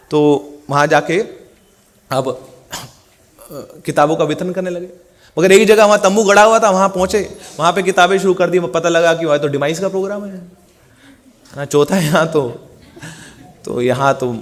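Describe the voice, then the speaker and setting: Man, lively sermon storyteller with a slightly high voice, acts out the dialogue. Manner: animated storyteller acting out quoted dialogue. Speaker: preacher.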